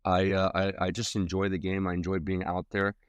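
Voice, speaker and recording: A very low-voiced man chats as a podcast guest. He restarts and repeats words as he talks. The sound is close and dry. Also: completely flat delivery, brisk, clear, resonant tone, no room sound, dull audio. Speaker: guest singer-songwriter. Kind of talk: casual interview chat.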